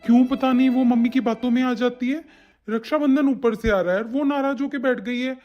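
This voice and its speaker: A woman's voice: fairly high pitch, fairly even intonation, fairly quick, dull audio, faint music behind, natural voice. Woman plays cartoon young husband: firm, protective, soothing, lightly raised voice. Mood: worried. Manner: reassuring, firm. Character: young husband, calm and protective of his wife. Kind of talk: animated family drama dubbing.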